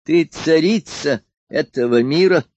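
A man voicing a grandiose, boisterous madman who calls himself emperor, speaking in a drawn-out, exalted way. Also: on the high side, darkish tone, a little hiss or hum, pitched above the performer's own voice, lightly acted. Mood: grandiose, leering. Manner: leering, exalted, drawn-out slow speech. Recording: dull dry lo-fi studio recording.

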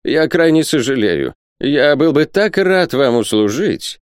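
A man's voice: medium pitch, sing-song, unhurried, clear, resonant tone, dry recording, clean studio sound, voice pushed up. A man voicing a stingy, frightened old trader who whines, stammers and pleads. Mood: pleading.

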